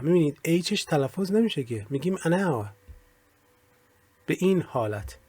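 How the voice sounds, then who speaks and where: A man teaching English grammar in Persian, with slow, careful readings of the English examples. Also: a little high, no echo. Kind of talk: recorded lesson explaining grammar.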